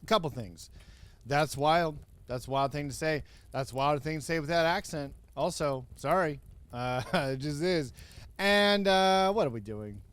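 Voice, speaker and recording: A man's voice: a little high, a little slow, a bit bright, clean tone, dry recording. A man hosting a comedic review of an old wrestling show, sarcastic, with laughing asides and mock outrage. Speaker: host, wrestling commentator.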